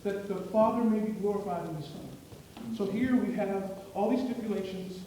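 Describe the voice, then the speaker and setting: A man's voice: sits high, normal speed, mellow. A man delivering a class sermon, telling a story with many fillers and restarts. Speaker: preaching student. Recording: echoey room from far off, faint noise.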